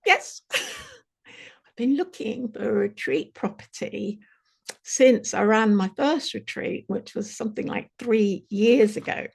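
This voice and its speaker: Husky, gravelly woman with lively pitch. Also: takes it slowly. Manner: expressive, dropping to a near whisper in the guided parts; lively, laughing as she tells a story. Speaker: retreat host presenting a webinar. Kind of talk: guided visualization and storytelling.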